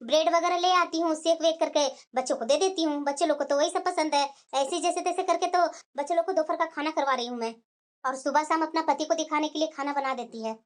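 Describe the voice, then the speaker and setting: A woman's voice: high-pitched, steady tone, quick pace, close to an everyday voice. Woman voicing a complaining old grandmother. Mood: lamenting. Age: older. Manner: lamenting, plaintive. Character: old grandmother, worried and complaining mother-in-law.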